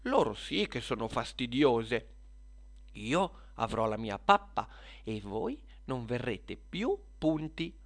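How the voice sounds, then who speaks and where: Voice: sing-song, slow pace. Gambalunga, storyteller voicing a timid giant spider. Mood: bargaining. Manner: high, pleading, then bargaining.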